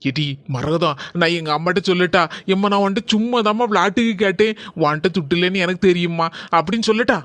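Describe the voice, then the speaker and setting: A man's voice: high voice, quick pace, fairly bright tone, dry recording. A man with a Kanyakumari Tamil accent voicing an easily led young husband in a cartoon, in a pleading, coaxing manner.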